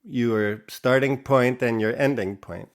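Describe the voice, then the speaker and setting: A man hosting a podcast, asking curious, measured interview questions. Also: medium pitch. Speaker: podcast host.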